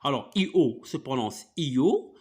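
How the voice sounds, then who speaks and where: A man's voice: medium pitch, very animated, a little slow, a little mellow. A man teaching French one-on-one, patiently spelling out sounds and often checking "d'accord?". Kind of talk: one-on-one reading lesson.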